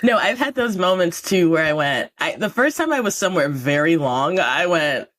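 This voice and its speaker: Brief: woman podcast host with a deep voice, chatty, quick to laugh. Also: lively intonation, a bit bright. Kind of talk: casual podcast interview.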